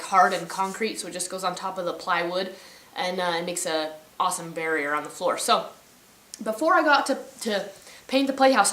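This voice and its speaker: Bright-voiced rambling ranch woman. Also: medium pitch, reverberant. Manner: rambling, self-correcting storyteller. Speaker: ranch vlogger. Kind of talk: casual storytelling to camera. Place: outdoors on a ranch.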